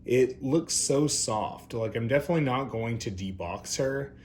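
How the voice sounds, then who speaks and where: A man's voice: medium pitch, expressive, moderate pace, darkish tone, a little hiss or hum. A man hosting an unscripted review in an effusive, gushing, campy drag-queen manner. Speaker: doll review host. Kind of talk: unscripted product review commentary.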